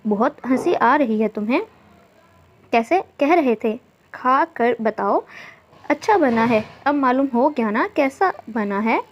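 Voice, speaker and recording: A coy, teasing young wife, voiced by a woman narrator in a storybook reading. The voice sits fairly high over dull, lo-fi sound. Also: expressive, a little slow, slight background noise. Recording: dull lo-fi recording.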